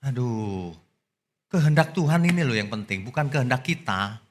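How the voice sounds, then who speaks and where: A male pastor preaching a sermon, swinging from loud exclamations to low asides. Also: expressive, normal speed. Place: church.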